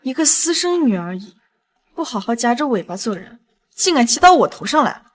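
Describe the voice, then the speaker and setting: A cold, commanding young heiress. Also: female voice, a little high, very animated, fairly quick. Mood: scornful.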